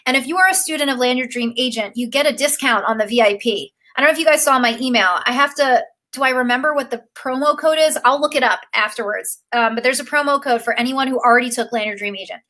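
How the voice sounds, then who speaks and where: A young woman with a high, bright voice pitches her coaching course on a live stream. She gushes with emotion and fills her speech with "like" and "um". Her tone is upbeat and she talks straight to her viewers. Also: fast, few pauses. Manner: gushing, emotional, filler-heavy with frequent "like". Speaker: acting career coach.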